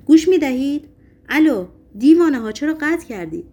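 A woman reading a story aloud, voicing an agitated young male poet who shouts and defies those around him. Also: high voice, big pitch swings, voice pushed up. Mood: frantic shouting. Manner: shouting, frantic, defiant.

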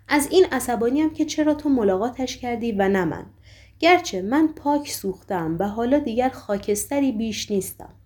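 A woman voicing a weary, sorrowful man who speaks calmly, earnestly and apologetically. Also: mid-range voice, natural voice.

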